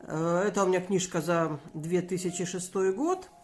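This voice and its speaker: A woman vlogger speaking to viewers in an informal advice talk, gently and earnestly recommending things. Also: fairly low pitch, fairly even intonation, moderate pace, soft background music.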